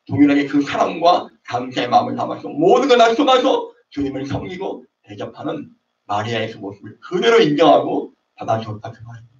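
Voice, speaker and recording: Animated male pastor in a roomy church. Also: medium pitch, vocal fry. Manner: animated, acts out quarrels in raised voices. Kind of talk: sermon. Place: church sanctuary. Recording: roomy, distant, dull online service audio.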